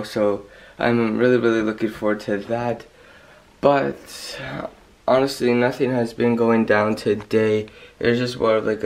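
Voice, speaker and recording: A man's voice: lowish voice, a little mellow. Rambling young man vlogging casually. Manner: rambling, hesitant, peppers talk with "like". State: slightly sick with a cold. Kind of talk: casual vlog chat. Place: small bedroom at home, indoors. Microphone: handheld camera at arm's length.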